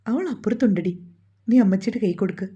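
A firm, teasing grown man in a storybook romance, voiced by a woman narrator, speaking in a dark, mellow and husky voice. The sound is dull and lo-fi. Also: medium pitch, fast talker, natural voice. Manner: teasing, firm, matter-of-fact. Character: grown man, loving husband and firm son. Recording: dull lo-fi recording.

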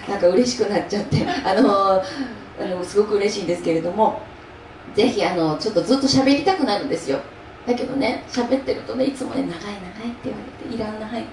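A woman's voice: fairly high pitch, a little mellow, slight background noise. A woman from Osaka, an enka singer chatting with her audience between songs, laughing often and using many fillers. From Osaka, Japan. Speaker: enka singer at a mini live event. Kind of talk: stage talk between songs. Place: music shop event space with audience. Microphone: handheld mic. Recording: echoey room, voice from a distance.

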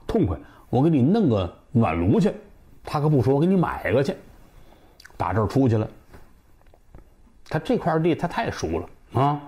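A middle-aged man from northern China telling a traditional comic story, jumping between character voices. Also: a little mellow. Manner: voices several characters, shifting pitch up for women and shopkeepers.

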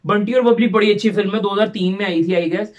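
A man's voice: high voice, steady tone, quick pace. A man from Pakistan hosting a reaction channel, chatting casually and rambling as he drops English phrases into his talk. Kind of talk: casual chat reacting to a film trailer.

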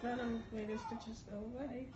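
A woman's voice: fairly high pitch, little pitch movement, moderate pace. A young woman, groggy and loopy from anesthesia, rambling casually with her speech muffled by gauze in her mouth. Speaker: patient recovering from wisdom teeth removal. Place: small bedroom, indoors. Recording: muffled phone video with noticeable noise.

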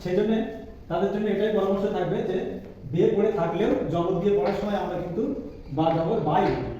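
A man teaches a reading lesson, slowly repeating each letter sound so the class can follow. His voice sits high but mellow. It carries from across a very echoey room, well away from the mic. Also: fairly even intonation, distant mic, muffled recording, a little hiss or hum. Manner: slow, patient, repeats letter sounds to drill pronunciation.

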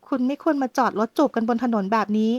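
A woman's voice: on the high side, fast, a little mellow, dry recording, close to an everyday voice. A woman reading an audiobook, voicing a male police officer who speaks sternly and formally.

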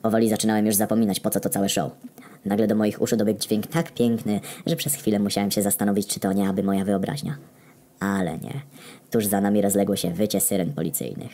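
A man narrating a comedic story in a deadpan, wry tone with frequent swearing. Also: on the low side, quick pace.

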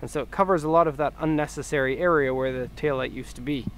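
A man's voice: mid-range voice, fast talker, slight background noise. A man giving a casual walkaround review of an imported car outdoors on a residential street, talking easily with fillers as he thinks aloud, recorded on a handheld camera mic. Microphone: handheld camera mic, filming himself off-camera.

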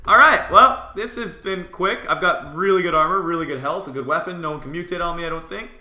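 Bright-voiced excitable young man gaming. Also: fairly high pitch, fast, reverberant. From Canada. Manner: excitable, jokey, bursts into loud shouts. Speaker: gaming YouTuber. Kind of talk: casual gameplay commentary.

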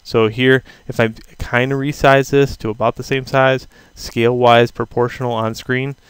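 Clear-voiced male instructor, dry sound. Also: mid-range voice, little pitch movement, normal speed, dry recording. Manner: casual, thinking aloud with fillers. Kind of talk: screen-recorded software tutorial. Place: at a computer, voice-over of screen.

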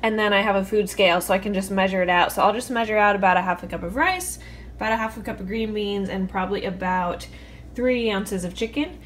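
Talking quickly in a mid-range voice, a woman in her thirties runs a chatty, think-aloud product demo to camera from her home kitchen as a fitness vlogger. A little hiss or hum can be heard in the recording.

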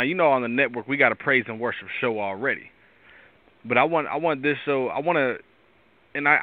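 A tired male host with a raspy voice, giving a rambling devotional talk with many restarts. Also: mid-range voice, dry recording. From Pittsburgh area. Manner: rambling, restarts often, preachy asides. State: tired from lack of sleep. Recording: tinny phone-line sound.

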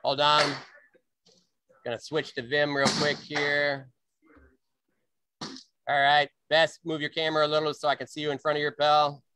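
Bright-voiced man coaching on a video call. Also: a little high, completely flat delivery, normal speed, pauses often, clear, resonant tone. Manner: demonstrates with sharp shouted breaths. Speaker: fight practice coach.

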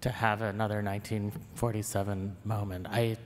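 Grave, deliberate man on a conference panel. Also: on the low side, level tone. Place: large conference hall. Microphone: table microphone. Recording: reverberant hall, faint ambience.

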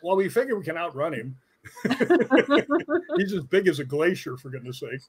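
A man's voice: on the high side, big pitch swings, normal speed, slightly rough. An older man, a guest on a video call, telling joking stories with chuckles. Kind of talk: casual video-call interview.

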